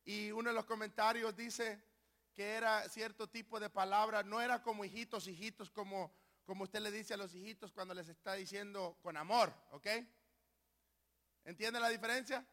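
A male pastor preaching a sermon, speaking emphatically, now and then shouting key lines and urging the congregation to respond. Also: sits high, steady tone, normal speed. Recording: long hall reverb.

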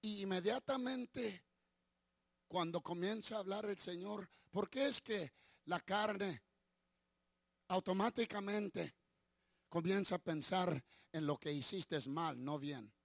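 A male preacher delivering a sermon, swinging from quiet asides to shouted declarations and slipping into English phrases. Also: high-pitched, takes it slowly, gravelly, pauses often, no room sound, studio quality. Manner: dramatic, slips into English phrases.

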